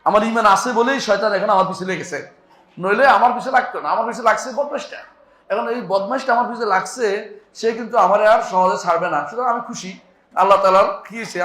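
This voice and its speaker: A man's voice: high voice, fairly bright tone, echoey room. A male preacher giving a conversational sermon, often asking his listeners rhetorical questions. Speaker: Islamic preacher.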